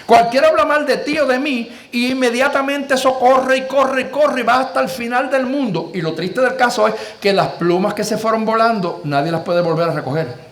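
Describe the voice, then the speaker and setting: A man's voice: very high voice, fairly even intonation, normal speed, hardly any pauses, fairly bright tone, slight background noise. A man preaching a sermon, telling a story with emphatic, repetitive lines and rhetorical questions. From Puerto Rico. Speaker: pastor.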